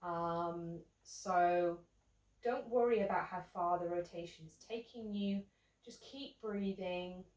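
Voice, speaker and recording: A woman teaching a seated yoga class, talking gently and casually, with many ums. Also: on the low side, slow pace, roomy sound, distant mic, poor audio. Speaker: yoga instructor. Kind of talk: guided seated yoga instruction.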